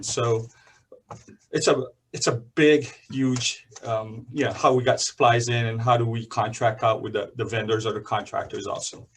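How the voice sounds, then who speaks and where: Halting man on a noisy call. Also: medium pitch. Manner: halting, laughs often. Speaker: forum participant seeking partners. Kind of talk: casual talk on a video call. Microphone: video call.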